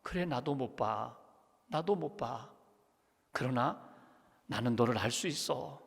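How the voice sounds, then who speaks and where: A man voicing a tender blind mother who pleads with her grown daughter in a low, hushed voice, with long church reverb. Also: lively intonation, moderate pace.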